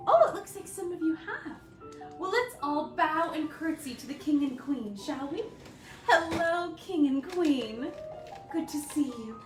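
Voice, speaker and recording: A woman's voice: high-pitched, a little mellow, far from the mic. A woman playing a sweet, cheerful young princess, hosting a live story-time and greeting children in a gushing, sing-song way with little delighted gasps. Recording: echoey room, away from the mic, faint music.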